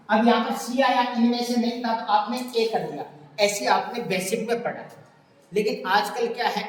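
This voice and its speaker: A man teaching an English grammar lesson step by step. He voices his students' questions and then answers them, writing examples on a board. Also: high-pitched. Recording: very echoey room with long reverb.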